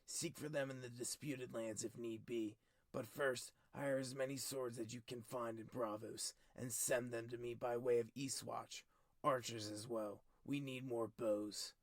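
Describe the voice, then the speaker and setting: A man's voice: mid-range voice, steady tone, unhurried, no echo. A man doing a stern cold king. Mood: commanding. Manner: clipped, commanding, raised and forceful. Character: stern, cold middle-aged male king.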